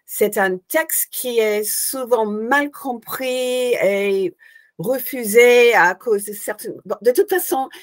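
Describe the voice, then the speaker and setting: An older woman from Australia, a guest hypnosis instructor, explaining her sessions thoughtfully and searching for words as she goes. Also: medium pitch. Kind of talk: explanatory interview answers.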